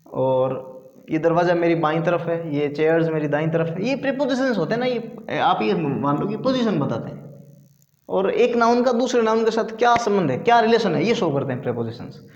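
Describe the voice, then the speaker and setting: A man teaching a grammar lesson, explaining step by step and repeating key words slowly. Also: high-pitched. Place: classroom. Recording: echoey room, long reverb, dull sound.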